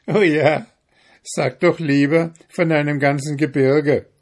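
A man's voice: medium pitch, lively intonation, takes it slowly. A man voicing a mocking, unbending stranger who haggles over a donkey in a storybook reading.

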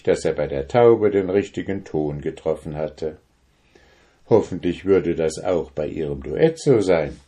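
A man narrating a children's fairy tale in a calm, unhurried reading voice. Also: sits low. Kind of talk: storybook reading.

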